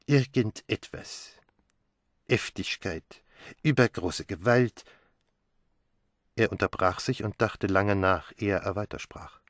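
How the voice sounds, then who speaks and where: A man voicing a fussy older male detective who muses slowly and lingers on his words. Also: on the low side, no echo. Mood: brooding. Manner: slow, musing, lingering on words.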